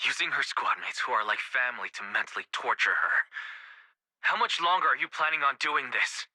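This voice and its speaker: Stern companion, read by a man, bright voice. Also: mid-range voice, lively intonation, brisk. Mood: stern reproach. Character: indignant protective companion, sternly demanding an end.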